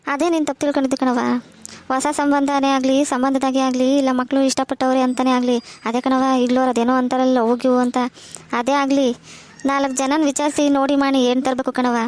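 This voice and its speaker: A woman's voice: high voice, level tone, quick pace, darkish tone, close to an everyday voice. A woman voicing a bitter, complaining old village widow with a rural Karnataka Kannada accent, full of sayings. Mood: advising.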